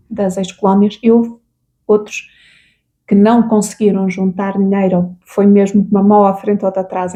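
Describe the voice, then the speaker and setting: A woman's voice: medium pitch, warm tone. A woman from Portugal with a European Portuguese accent, co-hosting a casual therapy talk and explaining with frequent tag questions. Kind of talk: casual conversation.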